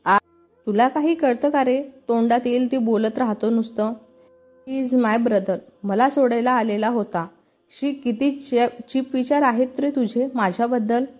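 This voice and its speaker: A woman reading the lines of a proud, quick-tempered young female college student in a storybook. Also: on the high side, a little mellow, faint music behind. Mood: indignant.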